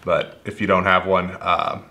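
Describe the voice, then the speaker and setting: Speaking at a moderate pace in a low, sharp-toned voice with little pitch movement, an HVAC tech in his thirties goes over his everyday tools to camera. He sits at a wooden table in an indoor workshop, rambling casually and repeating words while he thinks.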